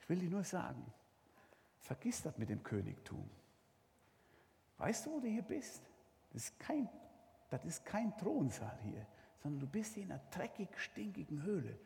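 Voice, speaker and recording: A man voicing a sly, mocking male tempter spirit in a hushed, taunting whisper during a sermon. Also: sits high, animated, moderate pace, few pauses, big-room sound.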